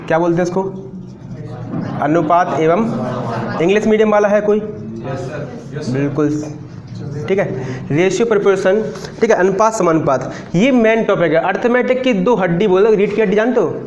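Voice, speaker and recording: A man's voice: high voice, a little fast, roomy sound, lo-fi sound, crowd noise. A man teaching maths to a live class in a casual lecture style, often stopping to ask students whether they follow. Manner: talkative, asks students frequent check questions.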